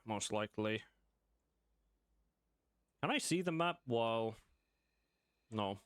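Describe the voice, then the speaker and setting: A man's voice: on the low side, animated, slow, clear, resonant tone, no echo, clean studio sound. A man chatting casually to himself as he plays a video game on stream, with mumbled asides. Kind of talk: casual gameplay commentary.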